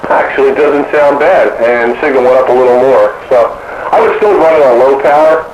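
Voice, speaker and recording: A man of medium pitch, talking a little fast, rambles folksily about technical matters as a radio operator on a two-way radio link. The transmission sounds dull and noisy with a boxy echo.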